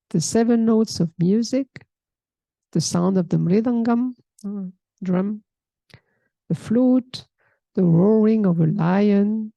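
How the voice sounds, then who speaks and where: A woman gives an unhurried spiritual talk as a yoga teacher, with a gravelly, mellow voice. She explains a text calmly and reflectively, pausing on a soft questioning hmm. The sound is close and dry, with no room echo. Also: mid-range voice. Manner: calm, reflective, often checks in with a soft hmm.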